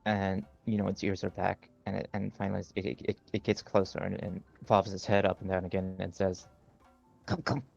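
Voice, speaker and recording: A man's voice: low-pitched, completely flat delivery, brisk, gravelly, hardly any pauses, darkish tone, muffled recording, soft background music. A man running a tabletop game as game master, describing the scene in a loose, rambling way with many fillers.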